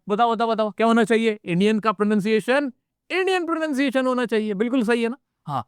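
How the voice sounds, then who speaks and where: Motivational Indian teacher, crisp and dry. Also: male voice, high voice, no echo. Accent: Indian English. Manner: motivational, addresses students directly and repeats phrases. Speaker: spoken English teacher. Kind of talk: energetic online class lecture.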